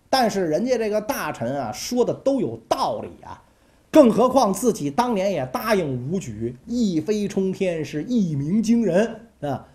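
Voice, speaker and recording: Lady telling old history stories, super lively swings, warm low voice, chatty. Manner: chatty, colloquial, asks the listener. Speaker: storyteller. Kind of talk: casual history storytelling.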